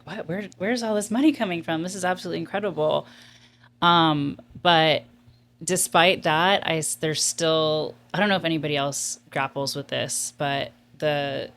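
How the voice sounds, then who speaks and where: A woman with a low, slightly bright voice answers interview questions as a guest, speaking as the executive director of a nonprofit. She comes across as earnest, reflective and candid. There's a little hiss or hum on the recording.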